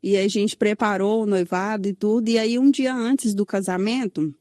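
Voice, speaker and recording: Woman telling her testimony, dark dry voice. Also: medium pitch, fairly even intonation, normal speed, no room sound. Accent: Brazilian Portuguese, São Paulo. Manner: recounts with many "né?" tags and quoted dialogue. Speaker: guest sharing her testimony. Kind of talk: emotional personal testimony.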